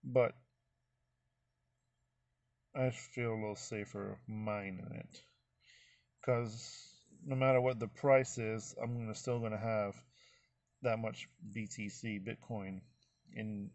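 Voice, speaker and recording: A man's voice: fairly low pitch, dry recording. A middle-aged man vlogging casually, walking viewers through his phone screen in a folksy, rambling way. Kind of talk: casual screen-recorded walkthrough.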